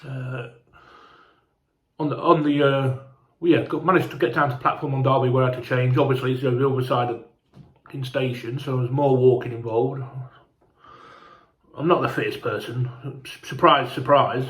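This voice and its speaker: A man's voice: medium pitch, flat delivery, normal speed. Man, casual rambling storyteller, swears a lot, hungover, roomy echo. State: hungover and unwell. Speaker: fan vlogger.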